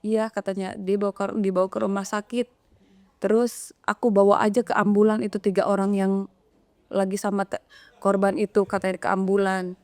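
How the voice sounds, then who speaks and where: A woman's voice: medium pitch, level tone, moderate pace, darkish tone, no echo. A woman, retelling a painful story in an interview and acting out the dialogue with hesitant restarts. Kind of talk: emotional retelling of events.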